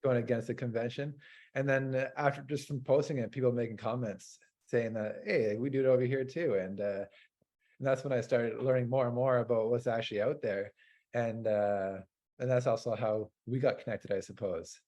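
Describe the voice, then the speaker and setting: A man's voice: medium pitch, steady tone, normal speed, darkish tone. Hesitant, rambling male farmer host. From North America. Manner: hesitant, rambling with many fillers. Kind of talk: casual interview chat.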